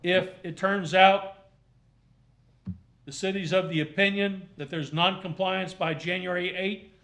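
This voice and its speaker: A man speaking as a magistrate at a formal hearing, questioning and ruling in deliberate, halting, formal phrases. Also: high-pitched, steady tone, vocal fry, a bit bright. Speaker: magistrate presiding over a hearing.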